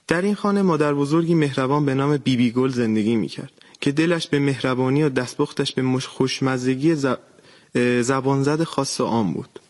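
Man reading his own short story aloud. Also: medium pitch. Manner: steady reading with small slips. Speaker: contestant.

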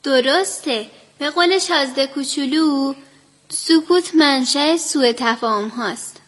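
A woman voicing a calm, sensible young friend who reasons gently with the others. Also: high voice.

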